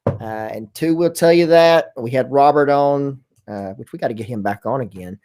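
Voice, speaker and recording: A man's voice: medium pitch, normal speed, a little mellow. A man co-hosting a casual talk show, adding facts and corrections in a matter-of-fact way. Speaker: co-host. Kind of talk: casual chat.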